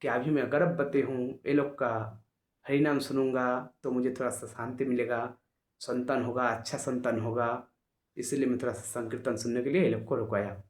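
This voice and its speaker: An earnest pregnant woman explains herself in a quick, plain voice, as a male storyteller puts her on. The room echoes noticeably. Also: mid-range voice, level tone, natural voice. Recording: roomy echo.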